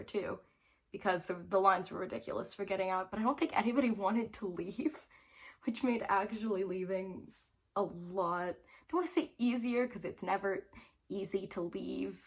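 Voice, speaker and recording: A bubbly teenage girl vlogger tells a story to the camera in a casual, rambling way, giggling between phrases and saying "like" a lot. Her voice sits at a medium pitch.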